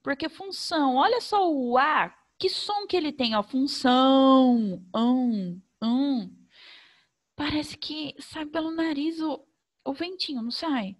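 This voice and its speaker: A Brazilian woman teaching young children remotely, sing-song and slow, stretching out sounds so they can follow. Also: sits high. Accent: Brazilian Portuguese. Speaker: primary school teacher.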